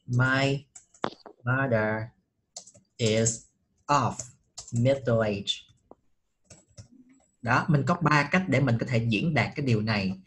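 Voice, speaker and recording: A man's voice: mid-range voice, takes it slowly, pauses often, fairly bright tone, slight background noise. A middle-aged man teaching an online English class, patiently checking with students by asking short questions, speaking.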